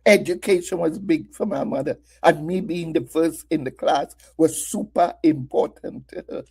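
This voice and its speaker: A woman's voice: deep voice, normal speed, vocal fry, a little mellow, slightly rough. A middle-aged woman preaching a Mother's Day sermon, asking her listeners many rhetorical questions and sharing her own story. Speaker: women's ministry speaker.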